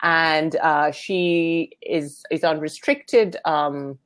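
A woman's voice: deep voice, extremely slow. A woman hosting a casual live video chat, bubbly and laughing often as she talks. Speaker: host.

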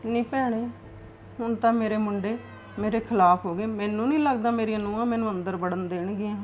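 A woman's voice: mid-range voice, brisk, darkish tone, soft background music, close to an everyday voice. A woman acting an older aunt who has been turned away by her sons, talking in a tearful, pleading way. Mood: sorrowful. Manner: pleading, sorrowful. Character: aging mother, tearful, cast out by sons. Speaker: aunt in a family drama. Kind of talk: Punjabi short film acting.

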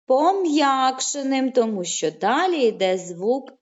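A woman teaching young children in an online lesson, patient and encouraging, stretching words out slowly, heard through a video call. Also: fairly high pitch, lively intonation, darkish tone. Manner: slow, drawn-out syllables when saying words aloud. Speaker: primary school teacher. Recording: muffled online call audio.

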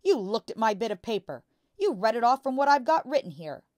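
A woman voicing a boastful, bullying father who deals in crooked cars, in a loud, hectoring manner for a storybook. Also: fairly high pitch, very animated, a little fast, no room sound, studio quality, pitched above the performer's own voice. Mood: angry, shouting.

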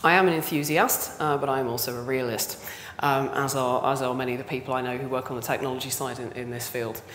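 A British woman giving a conference talk in a hoarse, honking, half-lost voice with a cold, speaking in a halting, conversational way. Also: extremely low pitch, steady tone, fairly bright tone. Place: large indoor conference hall stage. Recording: echoey hall, background noise.

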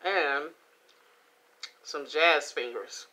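A middle-aged woman chatting casually to the camera as she reviews food at home, with an unhurried manner. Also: low-pitched, sharp tone. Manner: unhurried, talking between bites with pauses and mm sounds. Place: indoors, small home room. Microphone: camera or phone at about arm's length.

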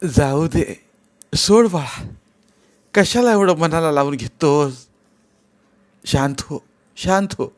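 A man voicing a patient old village mother who gently soothes her angry son in a storybook reading. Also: on the high side, measured pace, long pauses, pitched above the performer's own voice, natural voice. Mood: soothing. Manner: gentle, coaxing.

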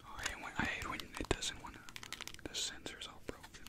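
A young man doing a whispered role-play as a barber, chatting casually with slang to the listener in a small room at home. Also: fairly quick. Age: young adult. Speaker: ASMR creator playing a barber.

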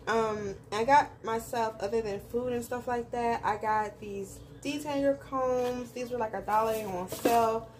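A woman's voice: on the high side, steady tone, moderate pace, hardly any pauses, a little mellow. Chatty woman, home vlog. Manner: chatty, folksy, addresses viewers directly. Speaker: vlogger. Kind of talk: casual grocery haul chat. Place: home kitchen. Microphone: phone camera in front. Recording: noisy home phone recording.

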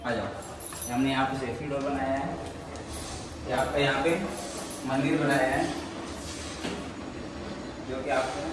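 A man's voice: medium pitch, level tone, measured pace, pauses often, very noisy. A young man giving a walking tour of a finished apartment, plainly pointing out fittings one by one as an interior contractor. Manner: plain, matter-of-fact pointing out of features. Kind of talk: walkthrough tour, explaining fittings. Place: large empty apartment with bare walls, indoors. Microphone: camera mic, filmed while walking. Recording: echoey empty rooms, camera at a distance.

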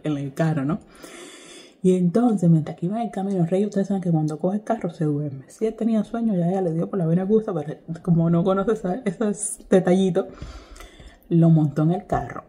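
Chatty woman vlogger, low mellow voice. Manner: chatty, laughs often, acts out quotes. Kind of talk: casual storytelling to viewers.

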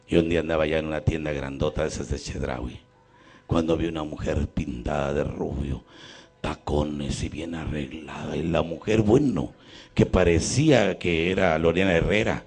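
A man's voice: very deep voice, darkish tone, slightly rough. A man with a Mexican Spanish accent, a priest telling a folksy, joking story in a sermon at a church healing retreat.

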